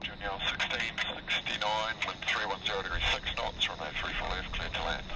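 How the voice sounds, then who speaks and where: A man's voice: fairly low pitch, brisk. Man on air traffic control radio. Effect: air traffic control radio transmission. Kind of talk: clipped aviation radio phraseology. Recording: distant radio feed with loud static noise.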